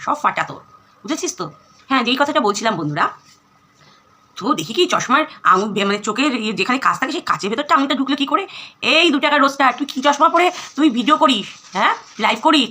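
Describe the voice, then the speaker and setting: A Bengali woman vlogger talks straight to her viewers in a fast, biting rant. Her voice sits fairly high and sounds sharp and bright. She scolds and mocks with a sarcastic edge. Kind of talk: angry vlog rant.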